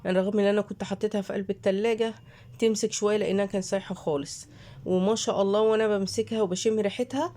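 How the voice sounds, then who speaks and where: A woman's voice: medium pitch, fairly even intonation, racing, dark tone. A woman with an Egyptian accent chatting to her viewers in a casual product review vlog, talking them through unwrapping as she goes. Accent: Egyptian Arabic. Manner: chatty, addresses viewers directly while unwrapping. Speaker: vlogger.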